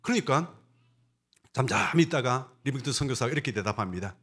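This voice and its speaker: A man preaching as a pastor, telling stories in an animated way and putting questions to his congregation. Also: medium pitch, a little fast, husky. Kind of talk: sermon.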